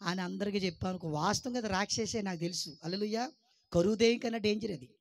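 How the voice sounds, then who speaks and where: There's slight background noise as this high-pitched pastor preaches at a quick pace. His lively sermon keeps asking rhetorical questions, calling for praise, and teasing the congregation with jokes.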